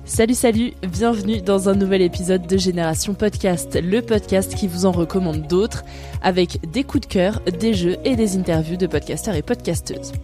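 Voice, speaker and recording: A woman's voice: mid-range voice, normal speed, music in the background. A woman hosting a podcast, reading a friendly, conversational script. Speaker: podcast host.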